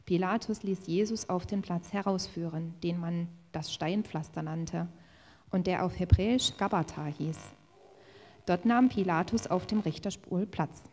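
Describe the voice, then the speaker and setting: Female reader for a Bible passage: steady, measured pace, dark soft timbre, reverberant hall. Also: on the low side. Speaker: scripture reader. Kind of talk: Bible reading aloud.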